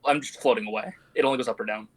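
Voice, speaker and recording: A man's voice: medium pitch, rapid-fire, fairly bright tone, poor audio. A man playing a tabletop game, talking casually about his character's moves.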